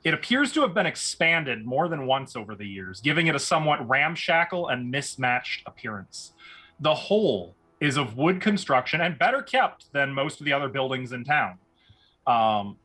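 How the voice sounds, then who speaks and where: A man's voice: mid-range voice, very animated, moderate pace, sharp tone. A man narrating a tabletop fantasy game as game master.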